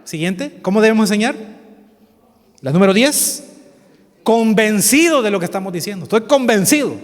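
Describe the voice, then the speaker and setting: A man with a Salvadoran Spanish accent leads a Bible study seminar, his voice sitting a little high for a man. He speaks earnestly, repeats his key phrases and keeps putting questions to the class. The sound carries a long reverb from a large hall. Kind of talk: seminar teaching.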